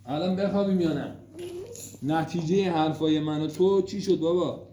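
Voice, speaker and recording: A man at home at night, gently and affectionately coaxing his small daughter to go to sleep. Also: fairly high pitch, muffled recording. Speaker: father putting his toddler to bed. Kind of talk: casual talk with a small child. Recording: roomy room with faint noise.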